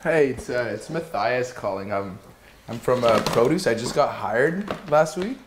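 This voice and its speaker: A man making a casual, rambling, halting prank call as a new employee. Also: medium pitch, lively intonation. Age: 20s. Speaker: prank caller. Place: small indoor office room. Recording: echoey room with faint noise.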